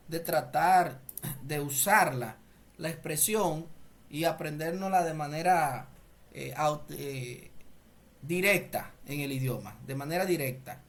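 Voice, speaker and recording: A man whose first language is Spanish, teaching an English grammar lesson slowly and deliberately, repeating phrases and often clearing his throat. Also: on the high side.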